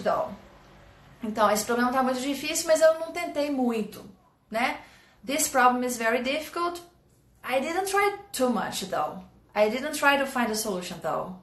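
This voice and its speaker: A fairly high-voiced woman from Brazil teaches a live English lesson online, lively and encouraging as she reads out viewers' sentences. Her voice rings in an echoey room.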